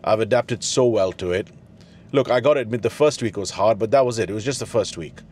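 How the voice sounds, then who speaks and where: Middle-aged man talking in a car, halting. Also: fairly low pitch, darkish tone, slight background noise. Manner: halting, many fillers and restarts. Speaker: dad in a family gym vlog. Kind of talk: casual talk to camera. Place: inside a parked car. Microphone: handheld fluffy wireless mic.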